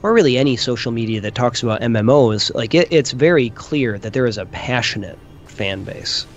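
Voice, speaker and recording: A man's voice: mid-range voice, expressive, a little fast. Guy on a panel chatting casually, medium voice, repeats words while thinking, slight background noise. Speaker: panelist on a gaming discussion show. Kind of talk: casual opinion talk.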